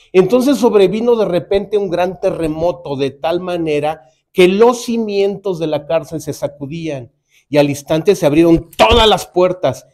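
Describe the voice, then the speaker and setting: A male preacher with a Mexican accent, delivering a sermon as animated storytelling full of rhetorical questions. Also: high voice.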